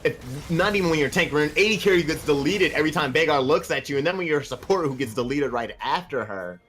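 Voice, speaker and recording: A young man casting a video game match live, joking casually and getting faster and louder during fights. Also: fairly high pitch, animated, slight background noise. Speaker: esports caster.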